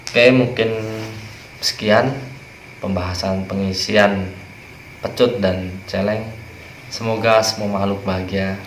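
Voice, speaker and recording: A man, speaking as a spiritual teacher in a relaxed, rambling way, trailing off softly at the ends of phrases. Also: lowish voice, takes it slowly, long pauses. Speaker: spiritual teacher explaining rituals. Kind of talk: casual explanatory talk. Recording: echoey room with faint ambient noise.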